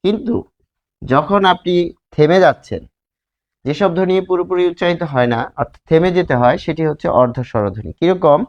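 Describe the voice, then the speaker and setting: Male teacher, grammar lesson, slow and repetitive, drawn-out sounds, slightly dull recording. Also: on the high side, expressive. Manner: explains slowly and repeats words, drawing out the sounds.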